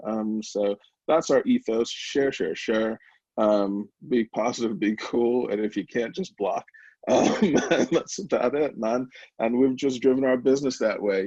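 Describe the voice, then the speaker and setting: A middle-aged man, a podcast guest, candidly telling a personal story in a rambling, animated way, acting out the voices of the people he quotes. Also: mid-range voice, dry recording. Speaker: podcast guest, brownie company founder. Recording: slightly dull, lo-fi remote audio.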